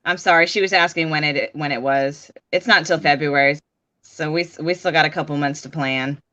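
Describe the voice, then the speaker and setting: A woman's voice: sits low, steady tone, brisk, pushed and bright, muffled recording. A woman chatting casually as a guest over a video call, talkative and full of fillers. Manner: chatty, laughs often, fillers like "like". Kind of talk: casual chat.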